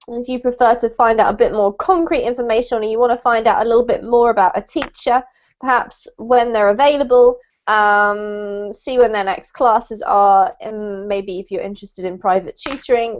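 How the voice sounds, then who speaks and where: A woman's voice: fairly high pitch, a little mellow, highs cut off. A woman teaching a live online English class, chatty and speaking straight to her students over a video call.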